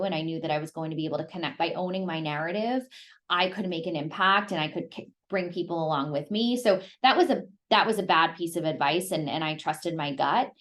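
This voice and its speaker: A woman's voice: lowish voice, brisk, a bit bright. A woman presenting on an online group call, giving informal motivational advice and repeating phrases for emphasis. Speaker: presenter leading the discussion.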